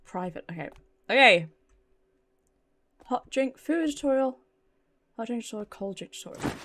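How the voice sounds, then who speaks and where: A British woman streams a game with game music behind her, her voice fairly high, animated and a little bright at a moderate pace, with slight background noise. She chats to herself casually and playfully, reading dialogue aloud, giggling and swearing mildly.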